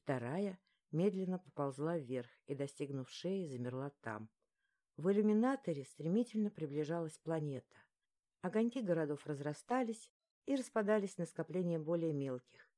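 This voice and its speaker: Soft-spoken woman narrating a romance. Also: low voice, animated, moderate pace. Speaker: audiobook narrator. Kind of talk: first-person romance narration.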